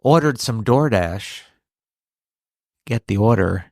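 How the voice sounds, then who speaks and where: A man hosting a podcast, telling funny stories in a playful, animated way. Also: fairly low pitch, slow pace, vocal fry, dry recording, studio quality. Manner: playful, animated storytelling with laughs. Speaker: podcast host. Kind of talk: casual comedic chat.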